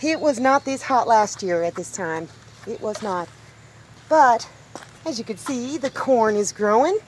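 Filming casually with a handheld camera, a woman in her fifties shows off her garden in a rural yard next to a tiny house. She's a homesteading vlogger whose voice sits on the high side, unhurried and a little mellow, with lively intonation and slight background noise. She stays cheerful and talkative, exclaiming whenever she spots something small.

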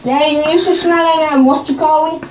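Casual vlogger, chatty and giggly, muffled by a gas mask; very high pitch, roomy echo. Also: steady tone, fairly quick. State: speaking through a gas mask. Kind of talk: casual chat. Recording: echoey room with background noise.

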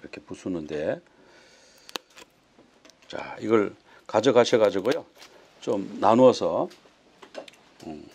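Gravelly-voiced male pastor. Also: lowish voice, lively intonation, slow pace, long pauses, a little mellow, slight background noise. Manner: storytelling with rhetorical questions. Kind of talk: sermon teaching on a Passover meal.

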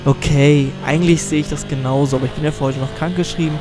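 A teenage boy with a slight cold plays a racing game and chats casually, rambling and putting himself down. His voice is fairly high and steady, he talks fast, and the poor audio carries game music and car sounds.

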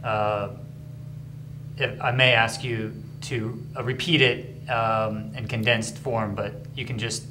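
Hesitant low-voiced male interviewer. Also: steady tone, slow pace, background noise. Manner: hesitant, many fillers while framing questions. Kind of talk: interview questions.

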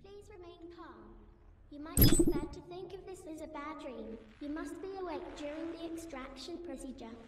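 A woman voicing a calm, clinical care robot in a video game, giving soft, even reassurance to a patient. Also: sits high, moderate pace, pauses often, lightly acted. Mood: soothing. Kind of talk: video game character dialogue. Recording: echoey hall, distant, loud game music.

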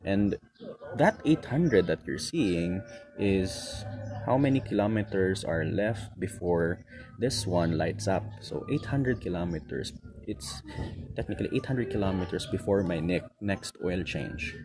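Low-voiced Filipino man walking through bike settings. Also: lively intonation, a little mellow, soft background music. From Philippines. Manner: explains step by step, with fillers and quick self-corrections. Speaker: motovlogger. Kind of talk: casual how-to walkthrough. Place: outdoors beside a motorcycle in the sun. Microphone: camera close to the instrument panel.

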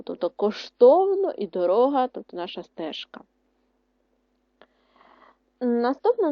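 A woman teacher giving a primary school language lesson, dictating words slowly and clearly with strong stress on syllables. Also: mid-range voice, dry recording. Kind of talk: online lesson explanation. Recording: dry, dull lo-fi sound.

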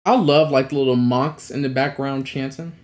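Speaking at an ordinary pace with a mid-range voice and fairly even intonation, a twenty-something man gives slangy, exclamatory reaction commentary. He's the host of a reaction video, recording in a small indoor room at home.

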